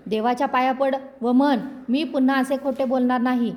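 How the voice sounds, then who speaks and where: A woman's voice: high voice, level tone, normal speed, darkish tone, close to an everyday voice. A woman voicing a stern but loving village mother who scolds firmly and earnestly.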